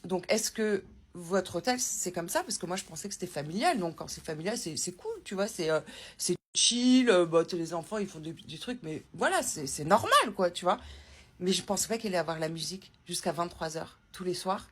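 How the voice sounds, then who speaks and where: Woman vlogger, husky tone, rambling casual talk in a hotel room, phone-recorded. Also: on the low side, fairly quick, fairly bright tone. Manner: chatty, rambling, many fillers and restarts. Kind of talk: casual travel vlog chat.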